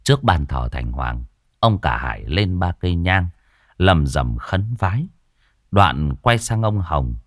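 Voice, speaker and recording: A man narrating a ghost story in a lively, emphatic way. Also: deep voice, no echo, clean studio sound.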